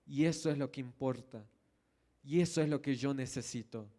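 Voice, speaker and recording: A man with a Salvadoran accent voicing God, who speaks low, quiet and solemn. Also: moderate pace, lightly acted. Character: God speaking calmly to a reluctant believer.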